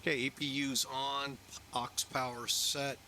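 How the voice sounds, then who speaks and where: A man's voice: mid-range voice, flat delivery, measured pace, pushed and bright, slight background noise. A man giving casual live-stream commentary as a flight simulator host, talking himself through each checklist step.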